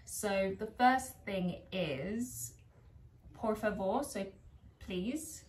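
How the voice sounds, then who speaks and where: Speaking very slowly at a medium pitch over poor audio, a woman from England vlogs in her home garden. With a British accent, she chats away and laughs at herself as she has a go at foreign phrases.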